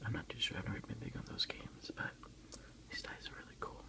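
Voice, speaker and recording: A man quietly whispers in a breathy voice as the casual host of an ASMR unboxing. He speaks without hurry and a bit hesitantly, and the clip was recorded on a phone.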